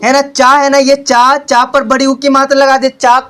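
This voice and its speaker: A young man runs a tuition class with children, drilling his pupils through repeated call-and-response questions and calling them beta. His very high, fairly bright voice moves little in pitch and comes at normal speed, and the classroom recording is noisy with clicks.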